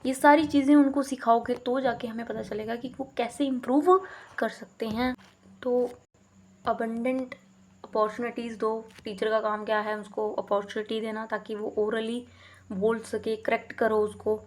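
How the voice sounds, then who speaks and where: Her voice is a little high and darkish, delivered flatly at a normal speed. This young teacher explains her lecture material while switching between Hindi and English, and she keeps checking in with whoever is listening.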